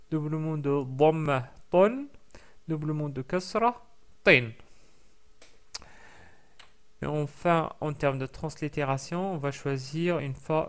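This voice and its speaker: A man with a smooth, somewhat high voice teaches a recorded language lesson. He explains things patiently, using many fillers, and slowly repeats the example sounds.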